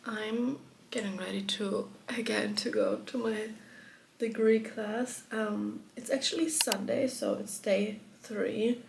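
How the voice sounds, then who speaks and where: A woman records a casual vlog while she is coming down with a cold. Her voice has a gravelly, creaky edge, and her chatty, upbeat delivery slips into near-whispers at times. A steady background hiss runs under the recording. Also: mid-range voice, slow. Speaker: vlogger.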